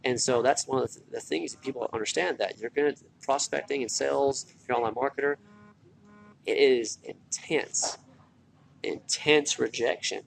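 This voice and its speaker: A tired man speaks rapidly in a mid-pitched, gravelly voice. He is casual and earnest, circling back on phrases to press his point like a motivational vlogger. Faint hospital corridor noise sits behind him. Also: poor audio. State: tired from little sleep. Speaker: online marketer and former military recruiter. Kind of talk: casual motivational vlog talk. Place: hospital, such as a corridor or waiting area. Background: faint hospital ambience.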